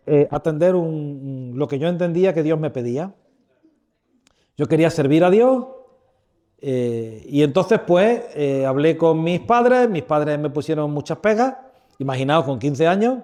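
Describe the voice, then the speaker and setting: A man in his fifties from southern Spain gives an informal sermon into a microphone, relaxed and humorous, often turning to his listeners with questions. His voice sits fairly high yet sounds warm and mellow. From Andalusia, Spain. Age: 50s. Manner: chatty and humorous, asks the audience questions. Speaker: preacher leading a church workshop. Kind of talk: informal sermon to a live audience. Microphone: handheld or stand microphone.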